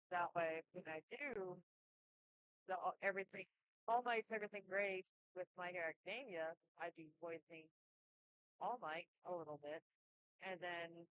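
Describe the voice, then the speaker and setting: An anime channel creator giving a casual channel update, talking in a halting, rambling way with many restarts. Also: medium pitch, clear, resonant tone, no room sound. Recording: dry, slightly dull lo-fi recording.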